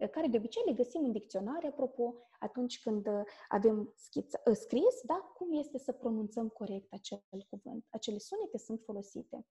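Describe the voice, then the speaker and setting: Mellow-voiced Moldovan woman explaining patiently. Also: medium pitch. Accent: Moldovan Romanian. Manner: keeps checking in with a quick "da?". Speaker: English teacher, guest. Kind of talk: explanatory interview talk.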